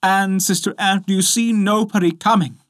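Man doing a high, pleading fairy-tale wife. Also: expressive, normal speed, dry recording, studio quality. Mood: desperate. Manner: pleading, imploring, high-pitched delivery. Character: frightened, pleading young wife in distress.

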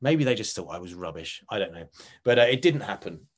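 A man's voice: on the low side, animated, brisk. Chatty middle-aged Essex man. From Essex, England. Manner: chatty, rambling, self-correcting. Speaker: actor and writer being interviewed. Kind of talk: casual reminiscing.

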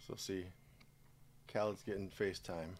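A man's voice: low voice, steady tone, normal speed, a little hiss or hum. An older man co-hosting a casual podcast chat with his stepson, laid-back and teasing. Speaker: podcast co-host, stepdad.

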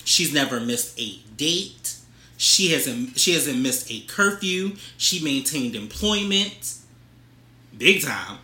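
A man's voice: on the high side, lively intonation, slow, pushed and bright, reverberant. A young man, co-hosting a casual, profane celebrity gossip chat and reading news items aloud with commentary. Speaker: podcast co-host.

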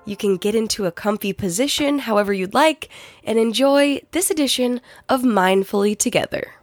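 A woman's voice: a little high, moderate pace, no room sound. A woman speaking as a podcast host, casual and conversational, repeating phrases for emphasis. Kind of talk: casual scripted podcast introduction.

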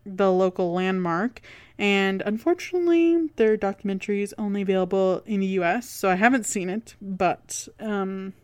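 Clear-voiced Canadian woman telling local ghost lore. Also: mid-range voice, moderate pace. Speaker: podcast co-host.

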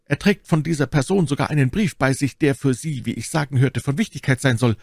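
Man doing a scared wounded soldier, high strained voice, louder, begging, dry close sound. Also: fairly quick, gravelly, dry recording. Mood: frightened. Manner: pleading, frightened. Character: terrified wounded male soldier begging for mercy.

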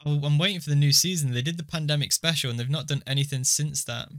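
A man's voice: fairly high pitch, fairly even intonation, quick pace, a bit bright. A man co-hosting a podcast in casual chat, joking around and laughing easily. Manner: chatty, laughs easily, riffs on jokes. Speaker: podcast co-host.

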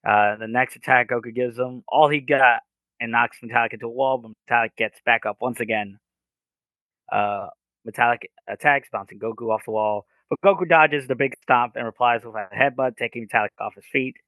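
A man co-hosting a podcast, recapping an episode's plot in a casual way with many filler pauses. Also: mid-range voice, sharp tone, dry recording. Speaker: podcast co-host.

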